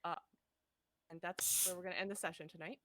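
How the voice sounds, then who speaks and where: A woman's voice: on the low side, fairly even intonation, brisk, bright, forceful tone. A woman game master narrating a tabletop game and signing off with upbeat announcements.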